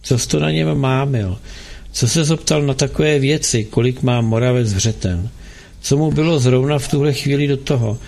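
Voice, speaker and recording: A man's voice: medium pitch, creaky, a little mellow, lightly acted. A man voicing a young wife who reproaches her husband with a run of questions. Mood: reproachful. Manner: scolding questions.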